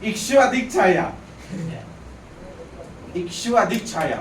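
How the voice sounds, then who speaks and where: A man's voice: high voice, animated, slow, echoey room, distant mic, a little hiss or hum, rough recording. A man teaching Marathi grammar in a classroom lecture, often putting questions back to the class and coaxing them along.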